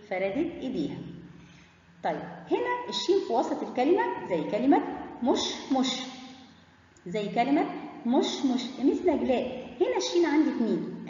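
A woman with an Egyptian Arabic accent teaching kindergarteners, drawing out each letter sound slowly and clearly. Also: sits high, dark tone, slight background noise. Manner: slow, drawn-out sounding of letters and syllables. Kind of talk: children's phonics lesson. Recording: echoey, muffled room from a distance.

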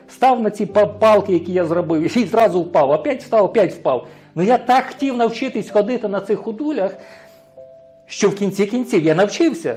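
High-voiced male preacher. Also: darkish tone. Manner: frequent rhetorical questions to the congregation; tags sentences with a questioning "right?". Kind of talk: sermon.

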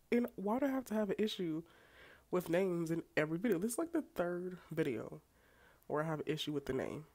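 Her voice is on the low side, creaky and a little mellow, and audibly congested because she has a cold. This young beauty vlogger runs through a makeup tutorial in a casual, self-deprecating way over faint background music.

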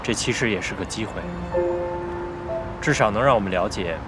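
An actor playing a cautious young assistant who speaks politely and probingly. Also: male voice, fairly low pitch, normal speed, over loud music, natural voice. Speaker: executive assistant.

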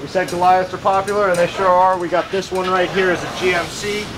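Poor audio captures a shop manager in his thirties giving a cheerful, plain-spoken vlog tour of a large indoor car workshop. His high voice is flat and fairly quick, competing with a noisy crowd and workshop noise in the background.

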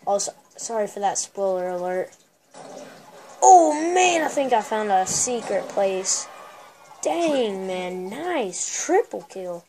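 A woman with a girlish voice giving excitable, trash-talking commentary while playing a shooter game. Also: medium pitch, slow pace. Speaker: gameplay commentator. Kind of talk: casual gameplay commentary. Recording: noisy recording with steady hiss.

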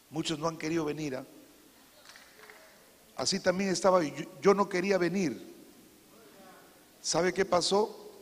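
A Peruvian pastor giving an emotional sermon testimony to teenagers, sinking to a hush and rising to shouts. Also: male voice, fairly high pitch, vocal fry, husky. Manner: emotional preaching, swings from hushed to shouting. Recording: reverberant hall with faint music. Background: faint instrumental music.

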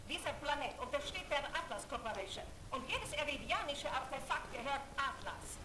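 A woman's voice: high-pitched, lively intonation, normal speed. A woman voicing a stern female commander of a corporate army in a game, speaking in a cold, formal, commanding way through a sci-fi radio transmission. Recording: echoey game audio with loud gunfire noise. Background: gunfire and game sounds.

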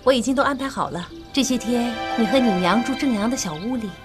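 An actress playing a feisty hot-tempered widow. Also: female voice, on the high side, fast talker, natural voice. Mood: gentle. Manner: blunt, combative. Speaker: widow landowner. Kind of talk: TV period drama acting. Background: drama score music.

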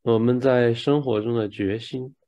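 A man's voice: medium pitch, fairly even intonation, moderate pace, mellow, dull audio. A man working as a live interpreter, rendering a speaker's words phrase by phrase right after each one. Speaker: live interpreter and session moderator.

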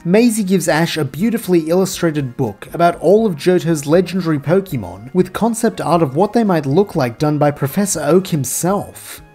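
A narrator telling a story in scripted narration, with a steady, even delivery. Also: mid-range voice, husky.

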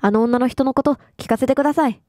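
A woman's voice: high-pitched, quick pace, mellow, no room sound, studio quality, pitched above the performer's own voice, close to an everyday voice. A woman reading the lines of a polite young male defense lawyer from a game, asking questions.

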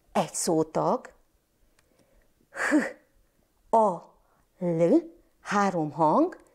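A Hungarian woman from Transylvania teaching first graders to read, sounding out syllables and letters slowly and clearly. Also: on the low side, darkish tone. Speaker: primary school teacher.

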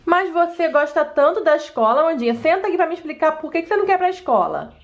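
A woman's voice: very high voice, sing-song, quick pace, lo-fi sound, voice pushed up, exaggerated voice. A woman voicing a patient mother in a doll play story, coaxing and soothing, often saying the child's name.

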